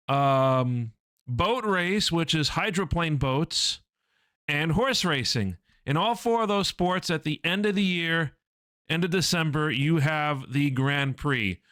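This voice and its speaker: A man's voice: on the high side, a bit bright, clear, resonant tone, no room sound. A man co-hosting an anime podcast, chatting casually and explaining news at length with plenty of ums and uhs. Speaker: podcast co-host.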